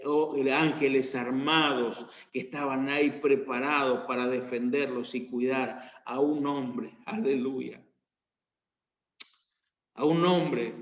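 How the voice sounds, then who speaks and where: Male Argentine pastor, sermon delivery, emphatic swells, echoey church room. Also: highs cut off. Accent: Argentine Spanish. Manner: preaching, rising to emphatic peaks then dropping low.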